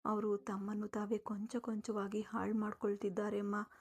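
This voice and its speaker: A woman's voice: mid-range voice, monotone, normal speed, darkish tone, husky. Woman doing an earnest, persuading father.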